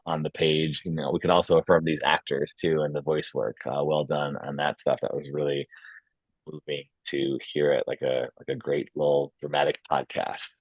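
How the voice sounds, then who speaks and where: In a lo-fi recording with no echo, a man with a rumbling low voice hosts and narrates an informal script table read. He reads stage directions and joins a casual feedback discussion.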